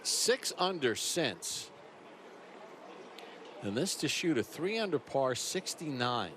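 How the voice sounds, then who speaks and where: Male lead golf announcer, medium pitch, play-by-play delivery over audible outdoor noise. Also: very animated, takes it slowly. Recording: clear outdoor ambient noise behind.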